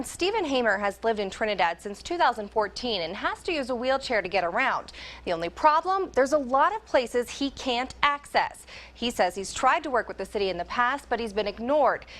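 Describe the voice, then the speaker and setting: Woman anchor reading the news, kinda high voice, crisp and steady. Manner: crisp, measured newscaster delivery.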